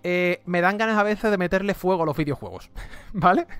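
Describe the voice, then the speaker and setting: A man's voice: high-pitched, brisk, fairly bright tone, clean tone, no room sound, faint music behind. A man with a light Andalusian accent, chatting animatedly as a podcast co-host and laughing often. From Andalusia, Spain. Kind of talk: casual gaming chat.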